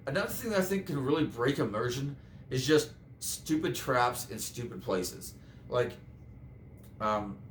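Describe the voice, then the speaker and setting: Chatty man in an echoey room. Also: medium pitch. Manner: rambling, chatty, many fillers. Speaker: tabletop game master giving advice. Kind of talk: casual advice talk. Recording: echoey room with faint noise.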